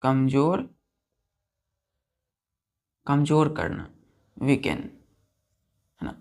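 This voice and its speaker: Gravelly-voiced male teacher spelling words. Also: medium pitch, sing-song, a little mellow. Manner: spells words letter by letter and counts aloud, often addressing the students; repeats key words slowly with drawn-out pronunciation. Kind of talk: vocabulary lesson.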